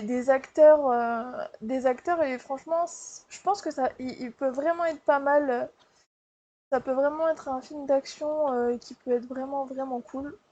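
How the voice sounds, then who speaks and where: Book vlogger, woman, high voice, chatty and hesitant, casual wrap-up feel, slightly dull recording. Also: warm tone. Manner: chatty, hesitant, many fillers and restarts. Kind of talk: casual monthly reading wrap-up.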